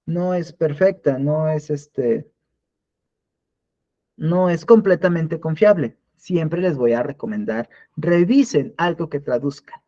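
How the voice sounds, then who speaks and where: A man's voice: fairly high pitch, expressive, slow, warm tone, highs cut off. A man teaching a live online class in a conversational way, often restarting and repeating words. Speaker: instructor.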